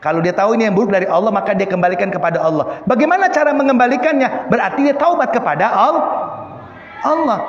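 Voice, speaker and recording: A man giving a lively religious lesson, often asking the audience questions. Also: high-pitched, fast. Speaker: Islamic teacher. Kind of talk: religious study lecture. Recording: echoey hall, dull lo-fi sound.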